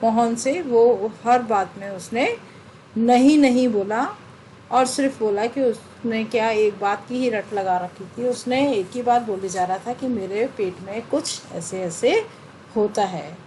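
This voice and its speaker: Lady teacher reading a play lesson to kids, slow and fairly high voice, faint background hum. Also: mellow, rough recording. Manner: slow, explanatory, addresses the children directly. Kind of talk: reading and explaining a textbook play to children.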